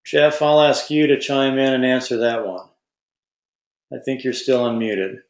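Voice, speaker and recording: A man's voice: medium pitch, fairly even intonation, measured pace, reverberant. A man moderating an online webinar Q&A, reading out audience questions with folksy asides.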